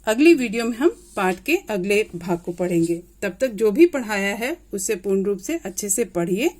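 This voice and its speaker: A woman teacher giving a grade-school grammar lesson, slowly and patiently repeating each example aloud. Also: mid-range voice, animated, darkish tone.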